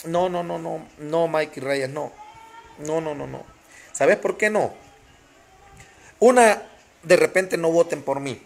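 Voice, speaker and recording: A man's voice: fairly high pitch, slow, creaky, pauses often. A man with a Honduran accent ranting passionately on a live stream, greeting viewers by name and repeating phrases for emphasis. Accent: Honduran Spanish.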